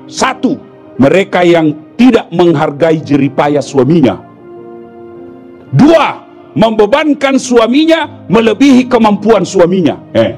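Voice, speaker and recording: A high-voiced man delivers a humorous sermon. He plays out the jokes in character and then scolds the listeners in a loud, lively voice. Faint music sits behind him. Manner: playful, switches to shouted scolding of the women listeners. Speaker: Islamic preacher.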